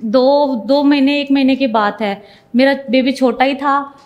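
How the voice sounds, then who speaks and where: A young woman with a fairly high voice recounts her experiences in an earnest testimony. She acts out each exchange as direct speech, with a plain, unhurried storytelling manner. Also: steady tone, dull audio. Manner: earnest, retells scenes as direct quotes. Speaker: devotee giving a testimony.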